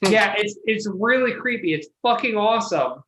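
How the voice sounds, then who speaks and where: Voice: medium pitch, lively intonation, normal speed, a bit bright, slight background noise, poor audio. A podcast panelist in casual chat, enthusiastic and rambling, swearing freely while retelling something.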